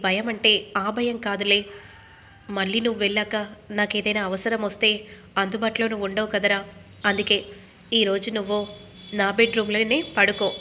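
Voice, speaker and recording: A woman's voice: mid-range voice, level tone, normal speed, pauses often, bright, forceful tone, slight background noise, close to an everyday voice. A woman voicing a haughty, scheming middle-aged mother who talks bossily and indignantly. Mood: coaxing. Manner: indignant, bossy.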